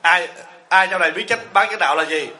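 A man's voice: sits high, quick pace, bright, forceful tone, a little hiss or hum. A man giving a humorous sermon as a Buddhist monk teacher, asking the audience rhetorical questions and joking with them. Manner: asks the audience rhetorical questions, jokes and teases. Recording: echoey hall.

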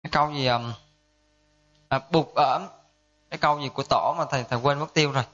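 A man's voice: mid-range voice, fast, a bit bright. A Buddhist monk teaching a dharma lesson in a conversational way, often asking his listeners to confirm. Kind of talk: dharma class lecture. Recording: dull lo-fi sound.

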